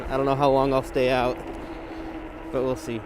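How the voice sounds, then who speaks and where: A man's voice: mid-range voice, completely flat delivery, normal speed. A man speaking through a balaclava in a casual, hesitant bike vlog, thinking aloud as he rides, his voice slightly muffled. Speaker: bike vlogger. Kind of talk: casual vlog chat while riding. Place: outdoors, riding an electric bike on a trail. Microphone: gimbal camera or lapel mic with windscreen. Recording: outdoor wind, motor and traffic noise.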